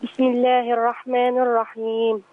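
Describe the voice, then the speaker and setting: A woman's voice: a little high, monotone, moderate pace, no echo. Woman reciting over a tinny phone line. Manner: hesitant, repeats verses after correction. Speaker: caller.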